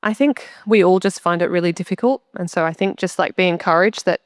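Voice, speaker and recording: A woman's voice: lowish voice, a little fast, no room sound, clean studio sound. A young woman sharing a heartfelt testimony in a church interview, chatty and earnest. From Australia. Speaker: church member interviewed on stage.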